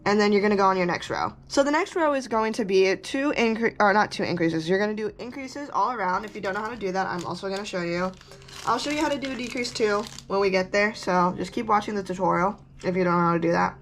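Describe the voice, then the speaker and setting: A woman's voice: mid-range voice, fast. Woman, casual craft tutorial, chatty and rambling, chewing gum, faint room hum. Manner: chatty, rambling, self-correcting asides.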